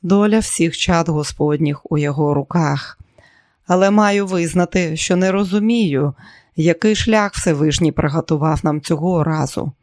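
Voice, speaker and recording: A man reading an audiobook voices a middle-aged monk who speaks quietly and kindly. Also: on the high side, moderate pace, no echo, clean studio sound, lightly acted. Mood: gentle. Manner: quiet and kind. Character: gentle, soft-spoken middle-aged male monk.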